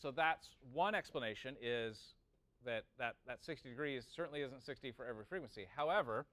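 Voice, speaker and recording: This man teaches audio engineering in an informal lesson, working out a calculation aloud and checking in with brief questions. He speaks fairly quickly at a medium pitch, with a fairly bright tone and no echo.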